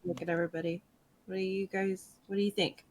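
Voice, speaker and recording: A woman's voice: medium pitch, flat delivery, fast. A woman playing a tabletop game, speaking hesitantly and tentatively. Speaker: player. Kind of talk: casual tabletop play.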